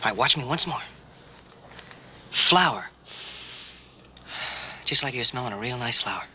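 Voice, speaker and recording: An actor playing a patient young cowboy who teaches a deaf girl sign language, speaking gently and coaxingly in a 1960s TV western. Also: medium pitch, lively intonation, slight background noise. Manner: gentle, coaxing, repeats words slowly.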